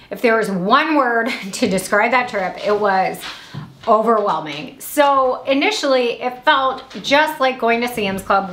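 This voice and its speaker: A woman in her thirties from Indiana, chatting upbeat at home through a grocery haul vlog, with quick asides. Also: a little high, fairly bright tone, reverberant. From Indiana, USA. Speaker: vlogger. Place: small room at home.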